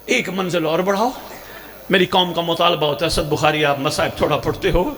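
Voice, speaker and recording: Male cleric, emotional mourning sermon, sing-song, slightly high voice. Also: fairly even intonation, a bit bright. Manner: impassioned, sing-song chanting with sudden swells. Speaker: Shia religious preacher. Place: religious gathering in Punjab.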